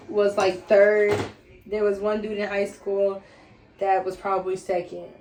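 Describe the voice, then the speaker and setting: A young American woman with a fairly high voice talks in a loose, slightly drunk, candid way. She chats casually, as if answering questions from her listeners. The room is clearly echoey, with faint noise behind her. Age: young adult. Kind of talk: casual personal chat.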